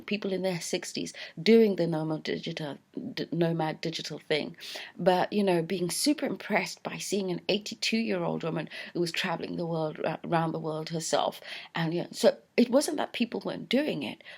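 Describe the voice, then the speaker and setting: A London woman in her fifties, the channel owner, talks to camera in a casual vlog with a low-ish, husky voice. She's reflective and hesitant, full of fillers and restarts, and the camera is close, framed on her mouth.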